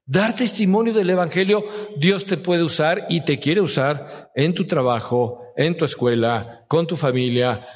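Preacher with a slightly high voice, echoing hall. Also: male voice. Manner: asks the listeners frequent questions. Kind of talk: sermon. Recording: long reverb of a large hall.

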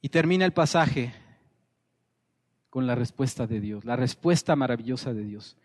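A man's voice: mid-range voice, expressive, moderate pace, a little mellow. A man preaching a sermon as pastor, earnest and repeating phrases for emphasis.

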